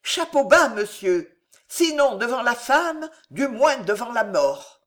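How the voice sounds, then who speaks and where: A man's voice: extremely high pitch, big pitch swings, slow pace, a bit bright, pitched above the performer's own voice, heavily acted. A man reading aloud and voicing a grieving but proud young noblewoman in a storybook tale. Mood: scornful. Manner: pleading, then resolute and scornful.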